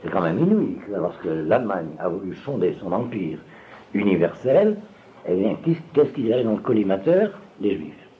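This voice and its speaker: A man's voice: on the low side, very animated, normal speed. An older man giving a rambling religious lecture to an audience, often stopping to ask if they follow. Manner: digressive, keeps checking if listeners follow. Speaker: religious teacher. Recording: dull lo-fi recording with faint room noise.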